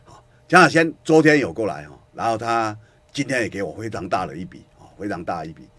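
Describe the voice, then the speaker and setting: A man from Kinmen, hosting a political talk radio show with animated, sarcastic ranting. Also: fairly low pitch, a little fast, breathy edge. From Kinmen, Taiwan.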